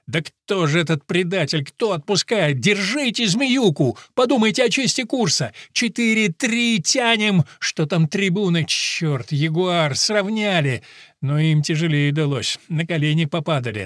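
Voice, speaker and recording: A man's voice: a little high, fairly bright tone, no echo, clean studio sound. A man narrating an audiobook in first person, telling it vividly and acting out other voices. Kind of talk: expressive audiobook reading.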